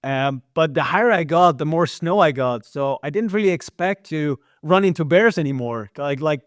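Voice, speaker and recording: Animated and fairly high-pitched, this guest from the Netherlands, a filmmaker and hiker, speaks at a moderate pace with a Dutch accent partly shaded by American. He tells stories in a relaxed interview, repeating words and using lots of fillers, recorded in studio quality without room sound.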